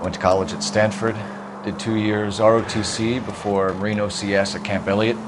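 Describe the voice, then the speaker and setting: An actor playing a stern 1940s Los Angeles beat cop and war veteran, with an American accent and a clipped, guarded, commanding manner. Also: male voice, fairly low pitch, level tone, a little fast, noisy background, natural voice. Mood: guarded, terse. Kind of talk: period police drama game acting.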